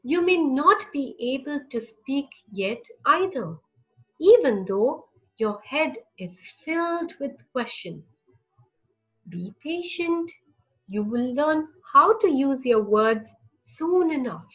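A woman with a high voice narrates a picture book aloud for young children, taking a slow, unhurried pace. Her lively intonation swings expressively from phrase to phrase. Music plays behind her, and the recording sounds slightly dull.

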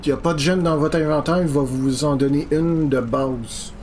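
A man's voice: on the high side, normal speed, a little mellow, a little hiss or hum. A man with a Quebec French accent giving casual, rambling, informal commentary as he streams a game. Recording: game music behind the voice. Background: video game music.

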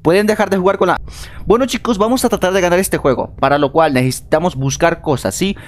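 Streaming a multiplayer horror let's-play, this man chats with his audience and teammates, and screams and curses each time something frightens him. He speaks quickly in a high voice.

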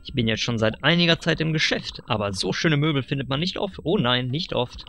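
A man's voice: mid-range voice, a little fast, faint music behind. Man doing Rainer, a sly fox dealer. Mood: wheedling. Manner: smooth salesman patter, flattering. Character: sly pushy fox furniture dealer, male.

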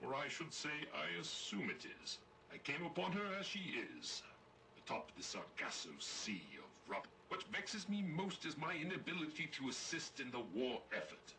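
Pompous robot sea captain. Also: male voice, on the high side, big pitch swings, moderate pace, background noise. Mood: grandiose. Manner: grandiose, archaic naval speech. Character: pompous old robot ship captain, male, commanding. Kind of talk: video game voice acting.

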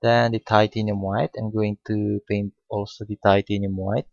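Gravelly low-voiced man teaching painting. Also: level tone, a little mellow, no room sound. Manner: unhurried, hesitant with frequent fillers. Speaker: painting instructor. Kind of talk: step-by-step painting tutorial. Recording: dull lo-fi recording.

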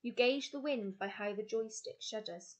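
A woman reading aloud voices a gruff, brusque adult male explorer who gives clipped commands as if over engine noise. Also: a little high, normal speed, close to an everyday voice. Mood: commanding.

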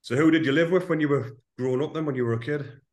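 A man hosting a podcast, asking his guest relaxed, short questions in a casual interview. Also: fairly high pitch, fast. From England. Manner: relaxed, asks short questions, laughs along. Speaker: podcast host.

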